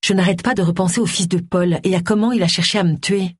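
A woman's voice: on the low side, fairly even intonation, fast talker, breathy edge, no room sound, studio quality. A woman voicing a bossy, impatient middle-aged woman detective who talks bluntly and insistently. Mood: worried.

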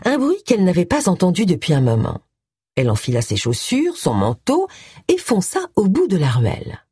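A woman reading a novel aloud in an expressive storytelling manner. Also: fairly low pitch, normal speed, husky, no echo, studio quality. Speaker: audiobook narrator. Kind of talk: scripted narration.

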